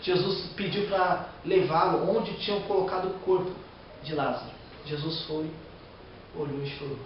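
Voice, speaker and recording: A man's voice: on the high side, moderate pace, highs cut off, slight background noise. Brazilian male preacher, fervent sermon delivery, distant mic, heavy hall echo. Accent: Brazilian Portuguese. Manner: reads scripture then preaches with emotional outbursts.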